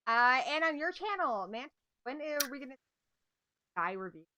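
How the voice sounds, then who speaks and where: Bright, high-voiced, animated woman host. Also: moderate pace, muffled recording. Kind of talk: casual chat.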